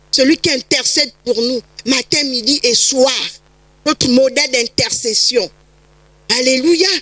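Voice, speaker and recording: A woman pastor preaching a sermon, emphatic, with repetitions and sudden rises to near shouts. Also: high voice, no echo, low-quality recording.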